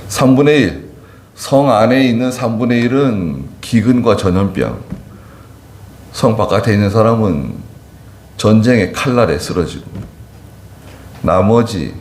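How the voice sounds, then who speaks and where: A man with a fairly low voice delivers an expository sermon in a church sanctuary. He reads scripture and then unpacks it slowly, turning to ask the congregation questions. The room gives his voice a noticeable echo. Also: darkish tone. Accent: Gyeongsang-Chungcheong border dialect roots. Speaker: pastor.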